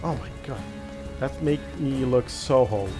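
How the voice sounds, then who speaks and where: A middle-aged French-speaking man hosts a gaming channel, his medium-pitched voice unhurried as he casually narrates his play. He thinks aloud, restarting sentences and tossing in small self-deprecating remarks. Game music plays behind him.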